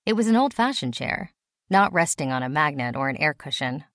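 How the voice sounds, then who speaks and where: Low-voiced woman reading a story. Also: sing-song, brisk, fairly bright tone, dry recording, studio quality. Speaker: audiobook narrator. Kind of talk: scripted narration.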